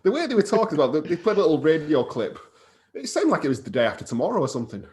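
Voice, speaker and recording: A man's voice: a little high, big pitch swings, rapid-fire, a little mellow. A man co-hosting a podcast, recapping a film's plot from his notes in casual chat, with hesitant restarts. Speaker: podcast co-host. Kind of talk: casual film review chat.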